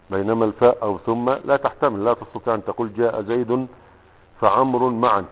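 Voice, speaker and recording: A man with an Egyptian accent patiently explaining a grammar lesson, posing questions to himself and pausing often to find words. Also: fairly low pitch. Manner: patient, explanatory, asks and answers his own questions, frequent hesitations. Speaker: teacher of Arabic grammar. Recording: tinny radio broadcast with long reverb.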